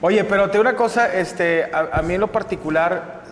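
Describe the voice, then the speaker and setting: A man's voice: high voice, a little fast. A man co-hosting a podcast, teasing and cracking crude jokes in casual banter. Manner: teasing, crude slang, wisecracks. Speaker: podcast co-host. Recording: roomy echo, long reverb, faint noise.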